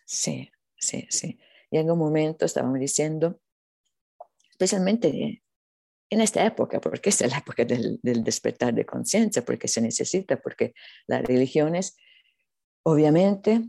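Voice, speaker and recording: A non-native Spanish speaker giving an earnest, unscripted spiritual talk, haltingly searching for words. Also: mid-range voice, gravelly, mellow, dry recording, clean studio sound. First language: not Spanish. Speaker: spiritual teacher being interviewed.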